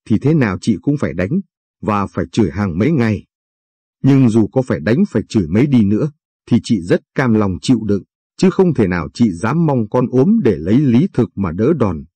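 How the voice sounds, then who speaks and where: Dark husky male storyteller. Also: mid-range voice, dry recording. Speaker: storyteller of late-night radio stories. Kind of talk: scripted story narration.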